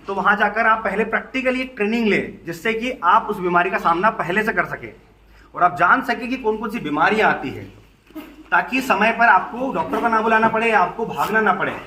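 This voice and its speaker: A man's voice: high voice, pushed and bright, roomy sound, recorded from a distance, a little hiss or hum. A man who runs a goat farm, giving earnest, repetitive step-by-step advice straight to the listener in an instructional talk. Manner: earnest, repetitive, advising directly.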